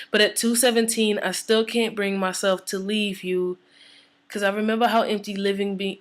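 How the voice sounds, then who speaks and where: A woman reciting her own spoken word poem in a conversational, emotional rhythm. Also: medium pitch.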